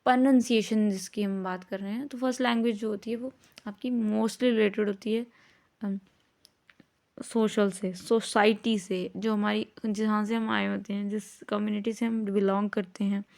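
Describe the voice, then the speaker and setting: A teacher explains a lesson in a relaxed, conversational style, slipping English words into her speech and often checking understanding with short tag questions. Her voice is medium-pitched, creaky, and darkish, with fairly even intonation at a normal speed.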